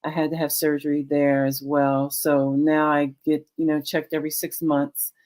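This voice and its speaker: Older woman, late sixties, very low voice, halting, many ums, casual testimony, video call. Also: flat delivery, darkish tone. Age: 60s. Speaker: guest, author and cancer survivor. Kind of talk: casual chat, personal testimony.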